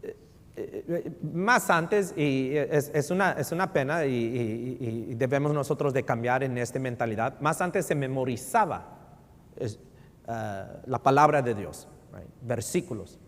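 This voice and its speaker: A male pastor preaching a sermon in a church, mixing Spanish with English and often checking in with "right?", shifting between loud emphasis and near-murmurs. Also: medium pitch, a little slow. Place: church sanctuary. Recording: long reverb in a large hall.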